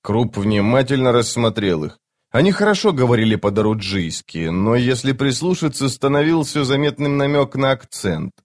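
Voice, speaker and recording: A man narrating a fantasy audiobook in a measured, steady way. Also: medium pitch.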